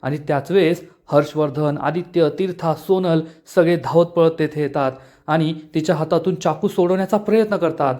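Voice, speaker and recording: A man recapping a TV serial episode in an animated, storytelling way. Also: fairly high pitch, moderate pace. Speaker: TV serial reviewer.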